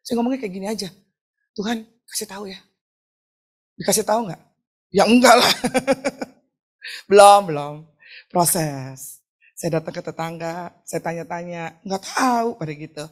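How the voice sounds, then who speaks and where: A middle-aged woman pastor from Indonesia preaching a lively, joking sermon with a personal testimony, often asking the crowd to answer back. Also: on the low side, a little slow, long pauses. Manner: chatty, joking, asks the crowd for replies; acts out quoted talk in shifting voices. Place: church hall.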